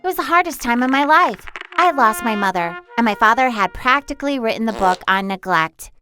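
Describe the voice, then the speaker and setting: A woman's voice: fairly high pitch, animated, a little fast, bright, forceful tone, faint music behind. A young woman narrating her own life story in the first person, earnest and confessional. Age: young adult.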